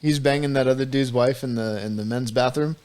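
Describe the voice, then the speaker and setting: Male podcast co-host, mid pitch, relaxed profane banter. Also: brisk. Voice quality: laid-back, swears, laughs often. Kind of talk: casual comedic chat.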